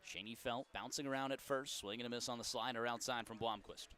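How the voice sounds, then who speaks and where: A man calling baseball play-by-play in a folksy, joking way, and he gets loud when the big plays come. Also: medium pitch, steady tone, fairly quick. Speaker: play-by-play announcer.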